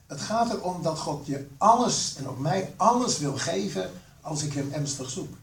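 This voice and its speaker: A man's voice: a little high, animated, gravelly, fairly bright tone, far from the mic. Older man preaching in a roomy hall. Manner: earnest, asks the listeners questions, pauses with fillers. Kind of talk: sermon.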